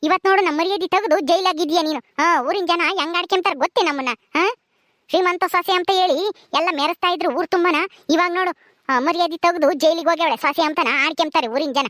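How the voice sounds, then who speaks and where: A woman's voice: very high voice, fairly even intonation, quick pace, fairly bright tone, no echo, studio quality. A woman playing a sneering village mother-in-law. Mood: scornful. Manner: sneering, taunting, mocking laughter. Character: scolding village mother-in-law, proud and bitter.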